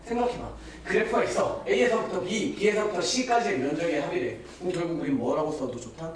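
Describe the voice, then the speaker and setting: A man's voice: a little high, normal speed. A man teaching a math class, quizzing his students and answering his own questions. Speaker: math tutor. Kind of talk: classroom lecture. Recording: echoey classroom, distant mic, hiss.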